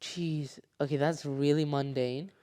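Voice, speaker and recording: A man's voice: a little high, fairly even intonation, a little slow, mellow. A young man chatting on a podcast, asking curious questions and giving short replies. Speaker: podcast co-host. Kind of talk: casual chat.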